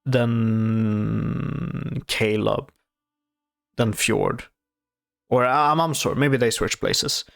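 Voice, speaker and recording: A man reacts to a show in off-camera commentary. His voice is gravelly and his pace slow. He restarts sentences often and speaks softly. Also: medium pitch. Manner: halting, many fillers and restarts, soft-spoken. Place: off-camera voice-over.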